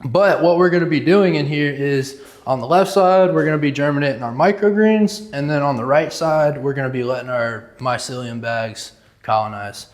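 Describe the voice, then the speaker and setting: Young adult male, slightly higher-pitched, laid-back and upbeat, casual small-business vlog tour delivery. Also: moderate pace, few pauses. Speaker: small microgreen business owner giving a tour. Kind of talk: casual vlog walk-through. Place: inside a large warehouse building.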